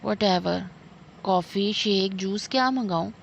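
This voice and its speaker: A woman's voice: medium pitch, vocal fry, natural voice. A woman voicing an anxious, affectionate middle-aged mother who fusses over her son. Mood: doting. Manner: affectionate and fussing. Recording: dull lo-fi with faint noise.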